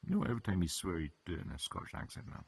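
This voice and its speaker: A man with a low, slightly husky voice chats through a coding problem on a work call. He thinks aloud as he goes and laughs easily. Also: huge pitch swings, racing, no echo. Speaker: software developer on a work call. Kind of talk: casual technical chat.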